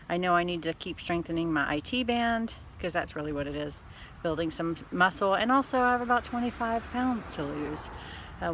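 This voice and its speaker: A woman's voice: lowish voice, pushed and bright, slight background noise. A woman chatting casually in a rambling, upbeat, self-deprecating way, like a trail running vlogger talking to her followers. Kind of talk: casual vlog chat to camera.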